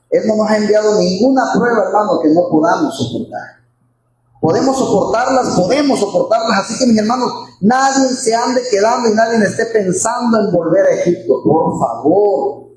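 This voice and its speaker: High-voiced preacher in an echoey hall. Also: male voice, normal speed, a little mellow. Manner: fervent, repeats phrases, addresses listeners as brothers. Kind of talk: Sunday sermon. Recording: very echoey hall, faint background noise.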